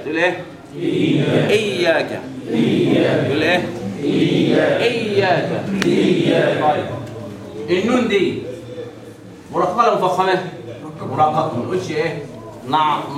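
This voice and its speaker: Male recitation teacher, Egyptian accent, fairly high voice, quizzing his class, heard from a distance in an echoey hall. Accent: Egyptian Arabic. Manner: quizzes the class with repeated questions and drawn-out recited examples. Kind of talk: classroom tajweed lesson. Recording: echoey room, mic at a distance, faint background hiss.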